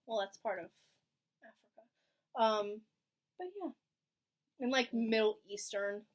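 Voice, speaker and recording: A young woman co-hosting a casual podcast, blunt and quick to swear. She rambles through her points with plenty of fillers. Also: fairly high pitch, fairly even intonation. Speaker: podcast co-host. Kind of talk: casual chat.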